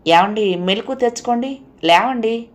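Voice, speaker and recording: A woman voicing a caring wife who soothes her frightened husband, affectionate and reassuring, her voice higher than her narration. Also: normal speed, close to an everyday voice. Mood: soothing, concerned.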